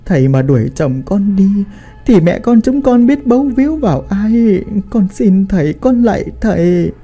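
A man's voice: high-pitched, expressive, moderate pace, mellow, soft background music, pitched above the performer's own voice. A man voicing a meek young wife who kneels and begs her father-in-law. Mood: pleading. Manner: begging, pleading.

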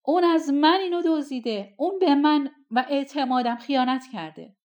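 A woman voicing a desperate young prince, breathless and shouting. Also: high voice, muffled recording, pitched above the performer's own voice, close to an everyday voice.

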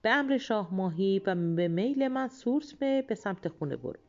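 A woman's voice: mid-range voice, expressive, darkish tone, dull audio, lightly acted. A woman voicing a lazy, cheeky young peasant man, blunt and sluggish, for a storybook. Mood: commanding.

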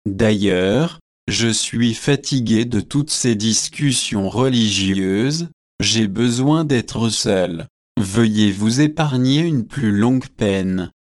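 A man's voice: lowish voice, slow pace, dry recording, studio quality. A man voicing a weary young man who is irritated by unwanted visitors and speaks in a formal, impatient way. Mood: curt.

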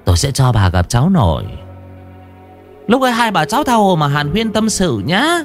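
A man's voice: on the high side, wildly swooping pitch, normal speed, faint music behind, voice pushed up. A man voicing a scheming village woman who speaks with false courtesy. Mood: gloating. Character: cold, scheming village woman, feigning politeness.

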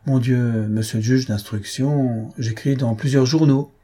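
Brief: male narrator doing a smart, unflappable young student, soft and polite, warm husky tone. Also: mid-range voice, steady tone, a little slow. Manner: soft-spoken, infinitely polite. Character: polite, clever teenage schoolboy posing as reporter. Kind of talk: audiobook character reading.

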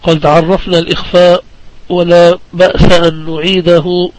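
A man from Palestine teaching the rules of Quran recitation in a deliberate classroom manner, repeating key phrases for his students. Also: high-pitched, little pitch movement, darkish tone, dry recording, low-quality recording. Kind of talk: religious lesson on recitation rules.

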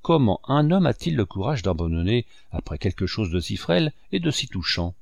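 Kind old painter guy a man reads, soft but firm, deep creaky voice. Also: moderate pace, dry recording, clean studio sound. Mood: tender. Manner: mild and steady. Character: gentle older male painter, kind yet firm.

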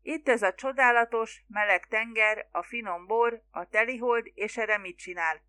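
Brief: a woman voicing a lofty, sarcastic elder brother, bright tone, storybook reading. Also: on the high side. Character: pompous young man, sarcastic elder brother.

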